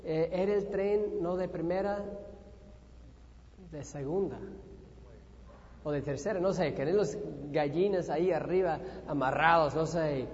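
A man preaching a sermon in a church, telling a personal story with animated energy and acting out his own panic. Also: on the high side, unhurried, pauses often. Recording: echoey hall, dull lo-fi sound.

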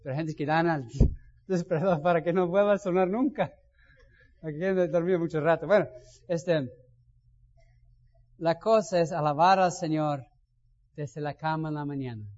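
A man preaches a sermon in a high voice, swinging between loud bursts and quiet asides. His voice carries a long reverb through the sanctuary. The sound is muffled and dull. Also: moderate pace, pauses often. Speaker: pastor.

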